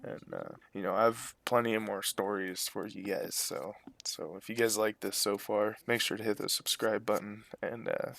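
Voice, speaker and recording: A man's voice: lowish voice, fairly even intonation, moderate pace, vocal fry, hardly any pauses, a bit bright, dry recording. A man casually telling a personal story to his viewers, rambling and profane, full of fillers and restarts, blunt and boastful. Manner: blunt, boastful, chuckles between lines.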